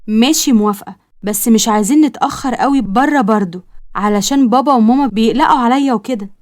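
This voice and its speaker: A woman's voice: fairly high pitch, quick pace, darkish tone, natural voice. A woman with an Egyptian accent voicing a shy, proper young woman who speaks defensively. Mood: earnest. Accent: Egyptian Arabic.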